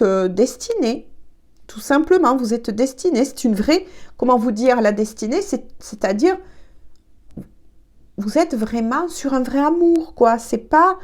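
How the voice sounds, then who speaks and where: A tarot card reader gives a casual, chatty reading, hesitant and congested from allergies, peppering her speech with "hein". Her voice sits high with a darkish tone.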